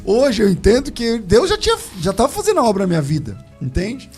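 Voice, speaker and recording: A man, a pastor, telling his conversion story in casual chat, animated and laughing as he acts out the voices of others. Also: sits high, quick pace, soft background music.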